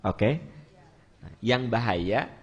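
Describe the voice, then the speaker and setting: Lively Sundanese-accented preacher. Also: male voice, medium pitch, extremely slow, lo-fi sound. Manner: lively, conversational, with sudden loud emphatic rises. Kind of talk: sermon.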